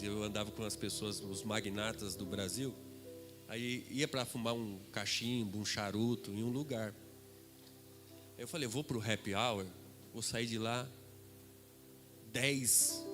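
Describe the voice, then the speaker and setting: A middle-aged man with a Brazilian accent, a guest preacher telling a dramatic testimony that swings between loud and hushed. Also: lowish voice. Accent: Brazilian Portuguese. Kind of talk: testimony sermon. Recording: reverberant hall with music behind.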